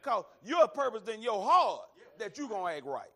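A man's voice: high-pitched, big pitch swings, moderate pace, a bit bright. A man from Alabama, preaching and teaching in a folksy, emphatic, conversational way, repeating phrases for weight. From Alabama, American South. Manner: folksy, emphatic, repeats phrases, often addresses listeners as y'all. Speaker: preacher leading a Bible study. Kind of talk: conversational sermon and Bible teaching.

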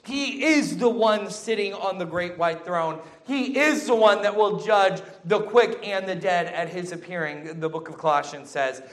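A man's voice: high voice, a little slow, few pauses, fairly bright tone. A man preaching a sermon, exhorting emphatically with repeated short phrases and rhetorical questions.

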